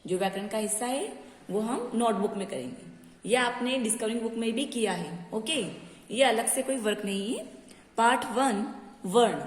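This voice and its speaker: A woman teacher, giving a recorded lesson. She repeats each definition slowly, drills letters one by one and mixes English words into her speech. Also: on the high side. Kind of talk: recorded online grammar lesson. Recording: echoey room with long reverb.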